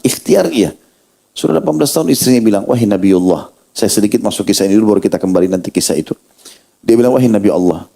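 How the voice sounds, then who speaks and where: A man preaching a sermon in Indonesian, telling a story and acting out the people in it with rising, animated delivery. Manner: animated, voices quoted characters with rising pitch.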